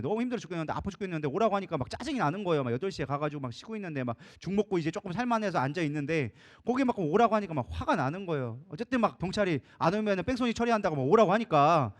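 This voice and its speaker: Lively fast-talking male pastor. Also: high voice. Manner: animated, acts out quoted dialogue. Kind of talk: storytelling sermon. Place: church service.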